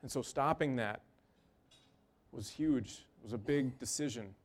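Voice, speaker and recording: An earnest man tells a personal story from his emergency room work at a middle pitch. He speaks in a halting way and repeats short phrases in a plain, level voice. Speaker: emergency room medical worker.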